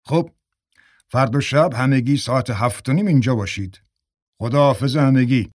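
A man's voice: medium pitch, no echo, natural voice. A man playing a stern theater director who scolds his cast. The voice is slightly raised and firm, recorded close and dry. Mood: weary.

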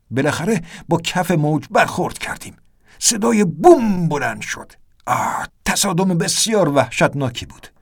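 A man narrating an audiobook adventure in a tense, vivid storytelling manner. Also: mid-range voice.

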